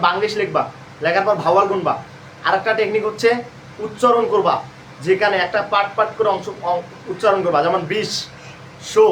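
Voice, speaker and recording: Speaking in a high register far from the microphone, this Bangladeshi Bengali-accented man runs a live admission prep class. He keeps firing questions and supplying the answers himself. The room echoes and a faint hum sits under his off-mic voice.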